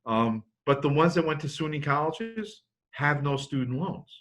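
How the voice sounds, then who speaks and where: A man's voice: on the high side, animated, moderate pace, fairly bright tone. A man in his fifties giving a college financial aid talk to parents, telling jokes and stories and often restarting his sentences. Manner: anecdotal, joking, with many restarts.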